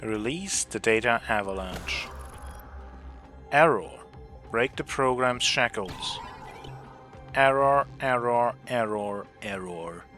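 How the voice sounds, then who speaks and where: A man's voice: medium pitch, animated, slow, pauses often, pushed and bright, soft background music. A glitching man stuck on errors. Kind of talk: game voice acting.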